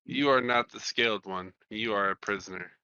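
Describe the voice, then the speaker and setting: A man voicing a solemn female crystalline elemental being, who speaks in a formal, measured way over a dull, dry, lo-fi microphone. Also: lowish voice, pushed and bright, smooth, dry recording. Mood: formal, stern.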